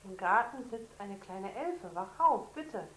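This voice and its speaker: A woman voicing an excitable, brave young boy with a raised, urgent voice, read aloud in an echoey room. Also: mid-range voice, normal speed, slight background noise, lightly acted. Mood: pleading.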